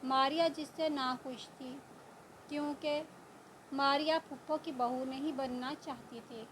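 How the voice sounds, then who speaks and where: A woman narrating a story in a plain, even storytelling manner. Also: sits high, slight background noise, poor audio.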